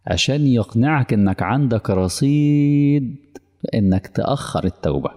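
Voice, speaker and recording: Speaking at normal speed in a mid-range, expressive voice with a darkish tone, a man preaches in a large hall with an Egyptian Arabic accent. His colloquial religious lesson is conversational: he keeps checking that the audience follows, tests them with questions, and plays out mock exchanges.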